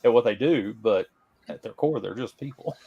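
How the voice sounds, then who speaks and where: A man's voice: medium pitch, moderate pace, creaky, slightly rough, narrow, tinny audio. A man co-hosting a livestream, chatting casually in a laid-back, plain-spoken way. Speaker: livestream co-host. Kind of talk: casual chat.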